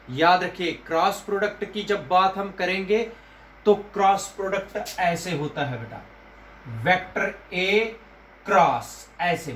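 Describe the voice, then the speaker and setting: A man teaching physics to students, repeating key terms slowly and calling them "beta". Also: high voice, a bit bright, a little hiss or hum. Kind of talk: classroom lecture. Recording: echoey room with faint ambience.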